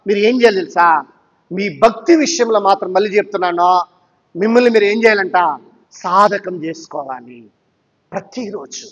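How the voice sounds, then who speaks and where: A male pastor with a strikingly high voice preaches in a church hall, the sound ringing with a long reverb. He presses his points with emphatic rhetorical questions aimed at the congregation. His delivery is urging, in full sermon mode. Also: fairly bright tone.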